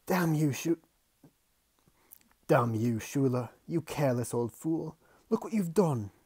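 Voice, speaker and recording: Deep, gravelly-voiced nobleman with a quick temper, as a man reads him aloud, loud, barking orders, husky edge, storybook reading. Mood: furious. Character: fierce, commanding nobleman uncle, quick-tempered. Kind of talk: audiobook character voice.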